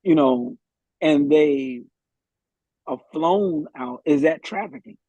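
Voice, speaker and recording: A man's voice: on the high side, slow pace, dark tone, dry recording, dull audio. A man, a guest in a live podcast discussion, thinking aloud in a hesitant way with many restarts.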